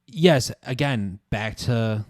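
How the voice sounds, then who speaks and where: A man's voice: medium pitch, animated, slow, no echo, studio quality. A young man co-hosting a podcast, chatting casually with slang and lots of "like" and "dude". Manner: casual slangy banter, says dude and like a lot. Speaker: podcast co-host. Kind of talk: casual chat.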